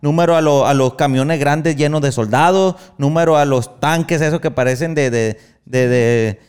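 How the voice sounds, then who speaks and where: Smooth-voiced Sinaloan man chatting. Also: on the high side, moderate pace. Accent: Sinaloa Mexican Spanish. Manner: relaxed, slangy, explains at length with many fillers. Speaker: podcast co-host. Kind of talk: casual chat.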